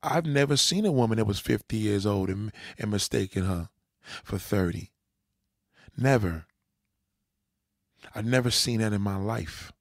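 Speaking at an ordinary pitch with a gravelly, fry-edged voice, a dating advice commentator lectures bluntly in a reaction commentary, swearing now and then. He keeps asking "you understand?" at a measured pace broken by long pauses. The sound is dry and close, with no room sound.

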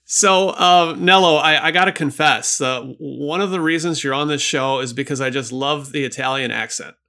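A man hosting a podcast, reading sponsor spots and then chatting with his guest in a relaxed way. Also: fairly high pitch. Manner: brisk ad reading, relaxed chat with fillers. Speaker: podcast host. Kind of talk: read ads, then casual interview.

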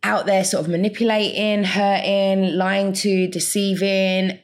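A woman's voice: medium pitch, flat delivery, unhurried. A woman, explaining things in casual conversation as an interview guest. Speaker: interview guest, blogger and podcaster.

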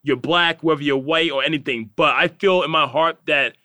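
A man's voice: fairly high pitch, normal speed, sharp tone, no echo. A young man in his twenties, a podcast guest in casual chat, earnest and upbeat with many fillers.

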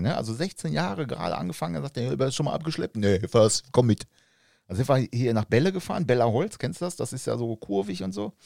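A man in casual chat, telling a story about his apprentice days with animated delivery. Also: mid-range voice, creaky, no echo, clean studio sound. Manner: animated storyteller, lively intonation.

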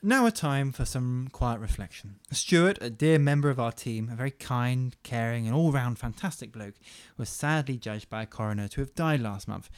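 A man's voice: medium pitch, expressive, moderate pace, smooth. A man making mock-serious announcements as a radio co-host, in a solemn, newsreader-like way.

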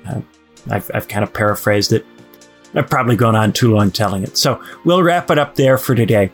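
A man's voice: lowish voice, a little fast, slightly rough, faint music behind. A man, a podcast host and former lecturer, telling a long story in a rambling, casual way. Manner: rambling, many "you know" fillers and restarts.

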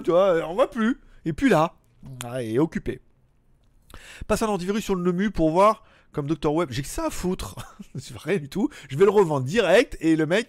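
Man, live-stream host, casual chat, jokey, chuckles often, lively swooping pitch, dry close sound. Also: dry recording.

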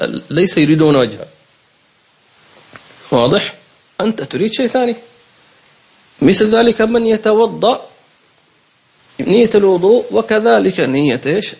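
A man gives a religious lesson. He repeats key words and keeps asking whether his listeners follow. His voice is rough and husky, sits fairly high for a man, and moves a lot in pitch. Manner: questioning, repeats key words, checks understanding. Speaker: religious teacher. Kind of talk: lesson commentary on a religious book.

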